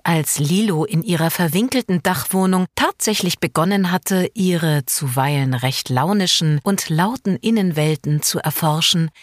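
A woman narrating a literary story in a calm, measured reading voice. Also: lowish voice, no echo, clean studio sound.

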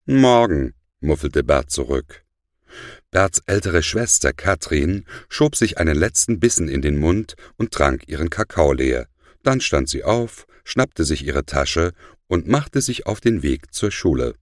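A man narrates a children's story with a very deep voice that still rises and falls with lively, expressive intonation. The recording is close and dry, with no room sound. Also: a little slow, no echo. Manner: expressive, lightly voicing the characters.

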